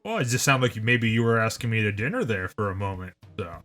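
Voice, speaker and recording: A man's voice: lowish voice, expressive, quick pace, sharp tone, faint music behind. A man playing a flirty, easygoing adventurer character in a tabletop game, with playful banter.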